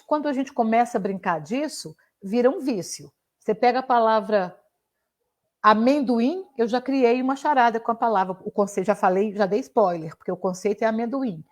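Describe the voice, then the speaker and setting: An older woman, a professor giving a playful live online talk, reciting riddles and tongue twisters with frequent restarts over a video call microphone. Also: on the high side. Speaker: guest speaker, professor.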